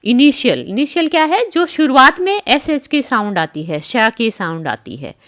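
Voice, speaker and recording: A woman teacher giving an online school English lesson. She spells out words letter by letter, pronounces each one carefully, and reads English lines slowly before explaining them in Hindi to the children. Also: high voice, big pitch swings, a bit bright. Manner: addresses her pupils as children.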